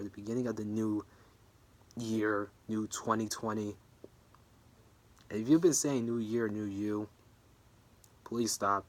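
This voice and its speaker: A tired man rambling through his wrestling predictions in a casual home vlog, often sidetracking himself. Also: fairly low pitch. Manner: rambling, self-interrupting, easily sidetracked. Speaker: wrestling vlogger. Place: room at home.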